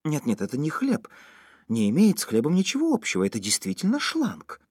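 A man's voice: on the low side, huge pitch swings, breathy edge, no echo, clean studio sound, full character voice. A man voicing a cheerful, bossy young wife who teases her husband. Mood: teasing. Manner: teasing, brisk.

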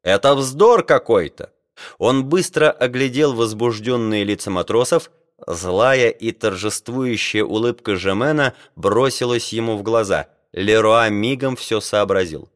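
A man reading an adventure novel aloud in steady, measured narration. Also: lowish voice, dry recording, clean studio sound. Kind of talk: audiobook reading.

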